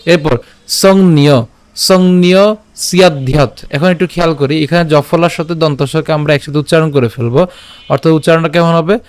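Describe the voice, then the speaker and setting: A man with a somewhat high voice leads a pronunciation lesson, slowly sounding out a verse syllable by syllable. He keeps checking in and repeating each part patiently. The sound is close and dry. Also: no room sound. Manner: slow syllable-by-syllable recitation. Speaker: Gita teacher.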